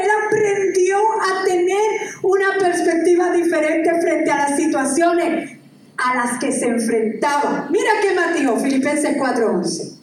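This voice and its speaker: Her high-pitched voice ringing from a distance through a vast, echoey hall, a female preacher reads scripture between exclamatory, enthusiastic passages of her sermon. Faint room ambience and slight background noise lie underneath.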